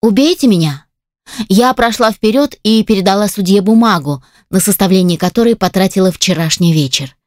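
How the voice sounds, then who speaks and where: A woman narrating a first-person fantasy audiobook, firm and steady in her storytelling. Her voice sits at a middle pitch, and the studio recording is dry and close with no room sound. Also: a little fast, few pauses, no room sound. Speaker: audiobook reader.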